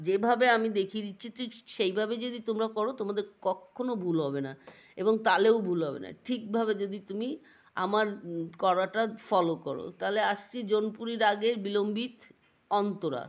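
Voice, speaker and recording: A middle-aged woman teaching a classical singing lesson, explaining step by step and singing each line slowly. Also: mid-range voice. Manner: slow, explains then sings sargam lines. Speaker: music teacher.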